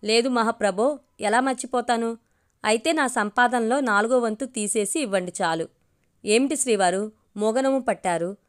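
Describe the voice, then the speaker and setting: A woman's voice: on the high side, moderate pace, lightly acted. A woman voicing a firm, dignified middle-aged wife and mother in a storybook reading, arguing in a reproachful way.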